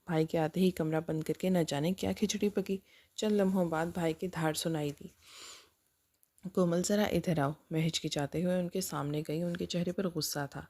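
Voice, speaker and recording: Woman telling a sad family story, earnest, low mellow voice. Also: fairly even intonation. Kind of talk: first-person dramatic story narration.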